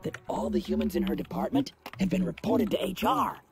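A woman voicing a nosy, chatty female office robot coworker in a video game, with a robotic, deadpan delivery. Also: on the low side, brisk, a little hiss or hum. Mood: gossipy.

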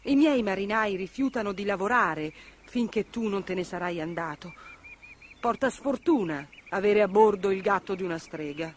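Woman as a kind ship captain, gentle, regretful, slow, storybook. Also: mid-range voice, slight background noise, natural voice. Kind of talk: storybook reading.

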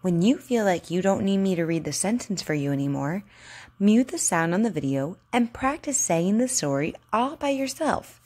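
A woman's voice: medium pitch, animated, moderate pace, darkish tone. A woman speaking as a speech therapist, giving encouraging instruction and carefully enunciated read-aloud practice.

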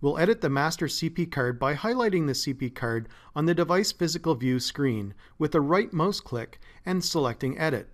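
A man narrating a scripted step-by-step tech tutorial as a support engineer, in a steady, methodical way. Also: a little high, moderate pace, hardly any pauses. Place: voice-over, not recorded in the pictured place.

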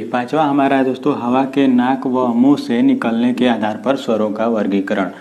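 A man's voice: medium pitch, darkish tone. A man teaching a video lesson. He asks questions and answers them himself, and sounds out letters one at a time. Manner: repeats questions and answers them himself, often says "दोस्तों". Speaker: Hindi grammar teacher. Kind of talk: classroom-style video lesson.

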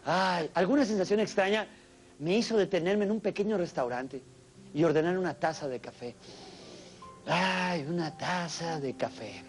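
A man's voice: high-pitched, normal speed, faint music behind. A man performing a theatrical stand-up monologue before a studio audience. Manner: theatrical, exclamatory, addresses live audience. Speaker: stand-up comedian host. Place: television studio stage with audience.

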